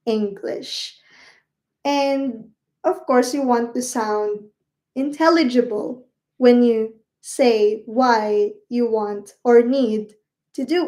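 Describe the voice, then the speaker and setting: A woman's voice: a little high, a little mellow. A woman teaching a live online English lesson, patient and encouraging, asking the class questions and answering them herself.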